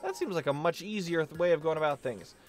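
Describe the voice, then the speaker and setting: A man's voice: fairly high pitch, lively intonation, fast talker, faint music behind. A man hosting a let's play, commenting casually and thinking aloud, questioning himself with many restarts.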